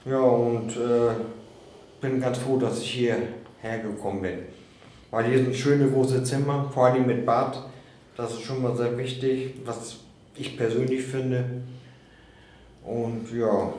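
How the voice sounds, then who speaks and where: A man's voice: mid-range voice, a little mellow. A man, a resident talking plainly in a group conversation. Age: 50s. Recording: echoey room with faint ambience.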